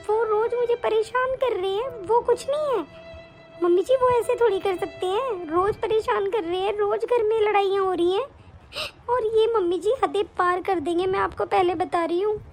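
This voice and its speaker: A woman voicing a young wife in an animated story, worried and pleading with her mother-in-law. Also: extremely high pitch, normal speed, soft background music. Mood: tearful. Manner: pleading, complaining.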